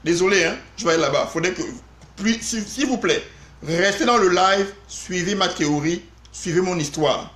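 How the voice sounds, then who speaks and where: A man telling an animated story on a live stream, talking straight to his viewers. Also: high-pitched, moderate pace, roomy sound. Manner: animated, addresses viewers directly.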